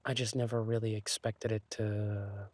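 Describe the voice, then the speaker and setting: A man's voice: on the low side, little pitch movement, dry recording, natural voice. Hesitant, tender boyfriend thief, acted by a man, dry sound. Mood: insecure, downcast. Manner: hesitant, halting, sighing delivery. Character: lovesick insecure male thief, tender boyfriend confessing doubts. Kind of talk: romantic audio role-play, one-sided conversation.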